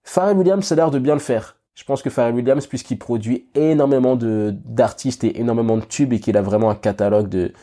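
A podcast host with a cold, sniffling, hosts a casual solo show in a dark, mid-range voice, speaking briskly with few pauses. He thinks aloud with lots of fillers and restarts, talking straight to the listener with "tu vois".

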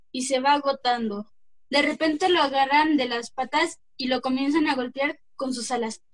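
A woman with a Mexican accent narrating a folk tale in a plain, slightly halting reading voice. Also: high voice, no echo. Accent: Mexican Spanish.

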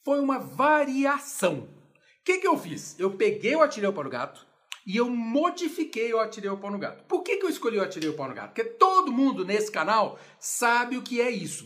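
Lively high-voiced music teacher. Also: male voice. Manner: animated and playful, explaining with sung examples. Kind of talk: informal music lesson.

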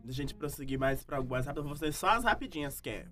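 A Brazilian woman co-hosting a podcast, playful and loud, often laughing. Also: low voice, lively intonation, rapid-fire. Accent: Brazilian Portuguese. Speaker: podcast co-host. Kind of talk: casual chat. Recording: podcast with clear background music.

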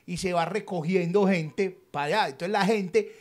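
A man's voice: sits high, normal speed. A young man, co-hosting a casual chat and telling stories, acting out the people he quotes. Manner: storytelling, animated, acts out quoted voices. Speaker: podcast co-host.

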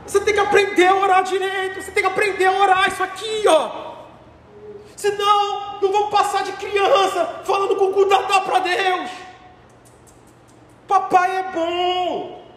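A pastor with a very high voice preaches in a big church hall. He is animated and mocking, shouting one moment and dropping to soft asides the next. His voice echoes heavily and sounds far from the mic, with a long reverb tail. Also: a little slow. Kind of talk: sermon.

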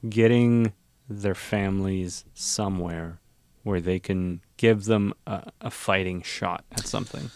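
Deep-voiced reflective male podcast host. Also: steady tone, unhurried, darkish tone, no echo. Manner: reflective, asks thoughtful questions. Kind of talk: casual podcast conversation.

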